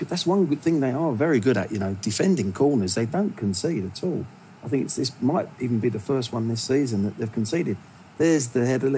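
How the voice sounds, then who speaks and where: A man in his sixties talking as a football pundit in a TV studio, animated and stumbling over his first words, on a lapel mic. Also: medium pitch, slight background noise. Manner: animated, gesturing with hands, repeats words when starting. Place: large TV studio.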